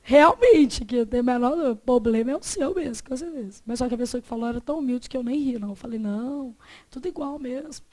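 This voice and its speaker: A Brazilian woman teaching a Portuguese class, chatty and joking, slowly drawing out the example words. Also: a little high, dark tone. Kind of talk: classroom lesson.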